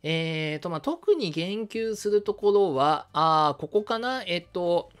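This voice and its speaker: A man's voice: animated, unhurried, clean tone. Male live-stream host, casual and chatty, lots of "um"s, lightish voice. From Shizuoka, Japan. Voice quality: fairly high voice for a man. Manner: casual, many fillers, friendly and chatty. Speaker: history channel host. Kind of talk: live-stream chat reading viewer comments.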